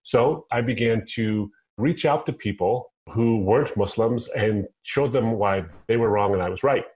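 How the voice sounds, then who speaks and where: A man's voice: fairly low pitch, measured pace, darkish tone. A middle-aged American man, a guest on the line, telling his own story in an earnest, conversational way. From United States. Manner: earnest storytelling, quotes himself in asides. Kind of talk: conversational interview. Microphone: phone line.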